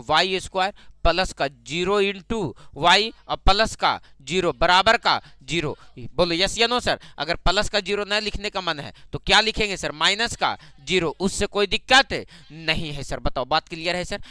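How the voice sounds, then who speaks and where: A man's voice: high voice, bright, forceful tone, clean tone, dry recording. A man teaching a math class, drilling students with repeated call-and-response questions.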